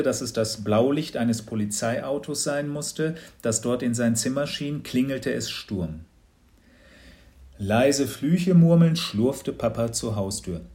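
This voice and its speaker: A man reading a children's storybook aloud in a lively, expressive manner. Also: medium pitch. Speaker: narrator.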